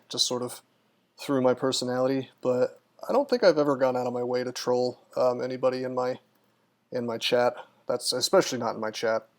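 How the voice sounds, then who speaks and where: A man giving live gameplay commentary in a casual, thinking-out-loud way. He muses over choices, hesitates with ums, and restarts sentences often. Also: medium pitch. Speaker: game streamer.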